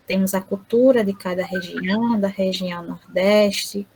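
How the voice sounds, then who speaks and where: A woman interpreting an online lecture aloud, speaking haltingly with frequent tag questions. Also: mid-range voice, fairly even intonation, darkish tone, slight background noise, poor audio.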